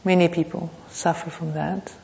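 A woman gives an unscripted dharma talk as a meditation teacher, speaking reflectively and haltingly, with pauses and repeated phrases. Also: on the low side, level tone, creaky, warm tone, a little hiss or hum. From Thailand. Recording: muffled, reverberant hall.

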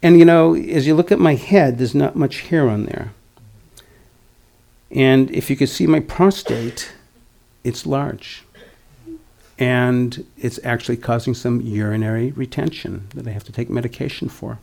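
A man's voice: mid-range voice, a little slow, creaky, dark tone. A man in his sixties giving a dharma talk as a meditation teacher, reflective, with wry, humorous asides. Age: 60s.

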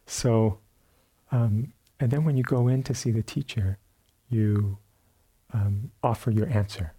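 A man gives a dharma talk at a retreat, his voice low and soft-edged with a slightly husky grain. He tells a story loosely and calmly, full of fillers and false starts, and now and then acts out a bell or a shout. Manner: relaxed storytelling with many fillers and restarts. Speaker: meditation teacher. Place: retreat center meditation hall.

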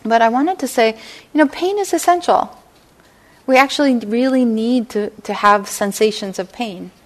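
A middle-aged woman teaching a meditation class, speaking gently and unhurriedly and often checking in with her listeners. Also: fairly high pitch. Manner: gentle, unhurried, lots of "right?" and "you know". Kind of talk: dharma talk to a class. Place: meditation hall.

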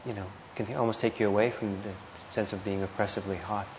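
Fairly low and with fairly even intonation, a teacher's voice leads a guided meditation in a reverberant indoor meditation hall. He speaks softly, slightly hesitant, pausing between short phrases. Captured live, the sound is somewhat muffled and roomy, with clear noise behind it.

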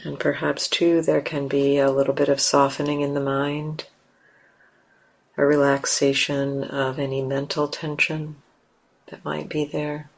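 A woman leads a guided meditation in a low-pitched, creaky voice with little pitch movement. She speaks softly as the teacher, in brief, leisurely phrases broken up by long pauses.

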